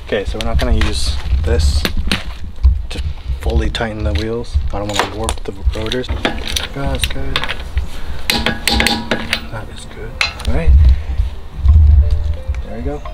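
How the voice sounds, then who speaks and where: A man's voice: lowish voice, unhurried, long pauses, rough recording. A young man casually talking through a brake job step by step as he works outdoors. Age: young adult. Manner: relaxed, step-by-step, talking while doing the job. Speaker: vlogger. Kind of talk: casual how-to narration while working. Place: outdoor driveway by a garage. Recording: loud background music. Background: music.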